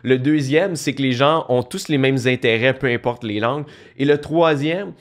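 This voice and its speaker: A man's voice: medium pitch, moderate pace. A man hosting a podcast, talking in a chatty, conversational way with frequent restarts. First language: French. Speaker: podcast host. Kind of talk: casual podcast monologue.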